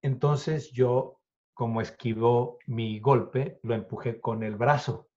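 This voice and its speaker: This fifties-aged Mexican man, a guest illusionist, speaks at a slow pace with a medium pitch and a steady, warm tone. He narrates a story in conversation, voicing the characters' lines and cursing freely, all captured on a dull lo-fi recording.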